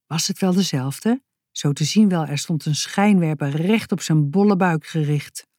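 Slow, mellow woman reading a storybook. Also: sits low, no room sound, clean studio sound. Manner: calm, measured storytelling. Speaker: narrator. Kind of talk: reading a children's book aloud.

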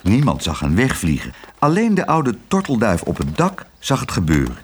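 Expressive man reading a children's story. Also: lowish voice, moderate pace, a little hiss or hum.

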